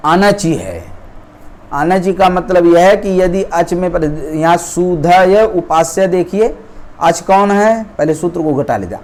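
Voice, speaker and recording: A man teaching Sanskrit grammar, explaining rules step by step and often checking that students follow. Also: high voice. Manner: slow, deliberate, checks understanding often.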